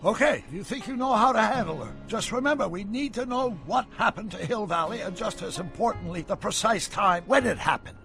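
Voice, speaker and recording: An actor playing an excitable, eccentric old male scientist in a video game, gravelly, with formal, emphatic wording. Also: sits high, brisk, few pauses, soft background music, full character voice. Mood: scheming, urgent.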